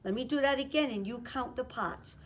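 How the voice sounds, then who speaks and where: A woman teacher giving a remote lesson to young children, explaining slowly and clearly. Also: sits high, slight background noise. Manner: sings a slow chant and invites children to join.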